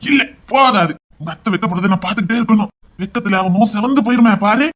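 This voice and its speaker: A fond, teasing old father-in-law with a Tirunelveli accent, as a woman puts him on, dropping far below her own voice. He chuckles as he ribs his wife, and he talks quickly and lightly. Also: medium pitch, pitched below the performer's own voice, close to an everyday voice. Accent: Tirunelveli Tamil.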